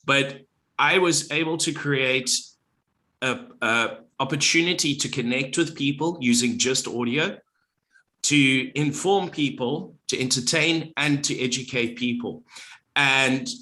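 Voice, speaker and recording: Guesting on a podcast interview, a middle-aged man who used to present radio delivers his words confidently and well projected. He speaks at a measured pace with a medium pitch and a bright, forceful tone.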